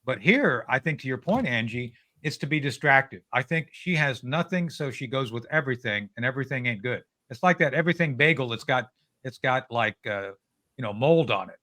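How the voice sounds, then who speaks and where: A man's voice: mid-range voice, lively intonation, brisk, bright, forceful tone. A man on a commentary panel, emphatic, pointing things out and repeating words as he reacts.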